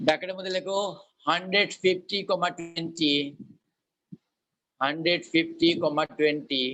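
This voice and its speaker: A man's voice: on the high side, fairly even intonation, a little fast, sharp tone, rough recording. A male teacher with a Bengali accent dictating to a class word by word, repeating and spelling things out.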